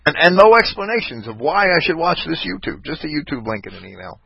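A man's voice: a little high, very animated, quick pace, gravelly, husky, dry recording. A man hosting a casual call-in talk show, rambling and ranting with many restarts. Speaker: podcast host. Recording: dull lo-fi online voice chat.

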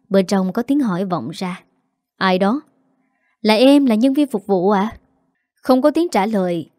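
A woman reads a romance audiobook in a steady and dramatic way. Her voice is mellow and soft-edged. The recording is dry and close, with no room sound. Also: medium pitch, no echo. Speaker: audiobook narrator. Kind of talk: scripted story narration.

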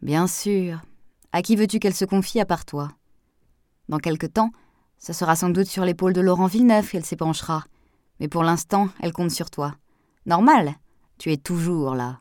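A woman reading the lines of a sardonic, touchy man in a novel, in a low, dry voice. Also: normal speed, no room sound, close to an everyday voice. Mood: sharp. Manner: sardonic, touchy, then sharp. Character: gruff reserved man, Pascal's brother.

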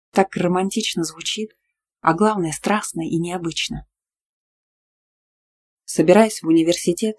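A woman tells a first-person story as an audiobook, lively and expressive. Her voice is low and warm, with a faint hum underneath. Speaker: audiobook narrator.

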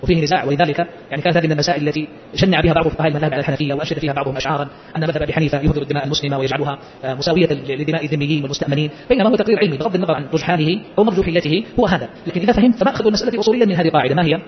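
A man lectures on a legal text at a very fast clip and keeps firing short questions at his listeners. His voice sits high, and the recording is a little muffled. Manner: quizzes listeners with quick rhetorical questions. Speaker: Islamic jurisprudence teacher. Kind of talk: explaining a legal-theory text.

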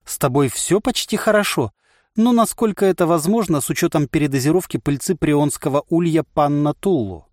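A man's voice: on the high side, fairly quick, darkish tone, no echo, studio quality, natural voice. A man voicing a cheerful, insane male voice inside the hero's head that chirpily recites adverts in an audiobook.

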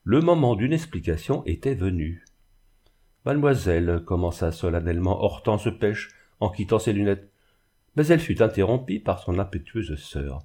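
A man narrating a classic novel in an expressive, dramatic reading. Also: sits low, moderate pace. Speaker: audiobook narrator. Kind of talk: literary reading.

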